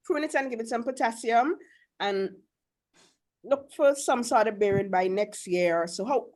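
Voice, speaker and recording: A Caribbean-accented woman with a fairly high voice teaches and takes questions live. She is blunt and emphatic, and keeps putting questions to her students. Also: unhurried, a little mellow. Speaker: agriculture instructor.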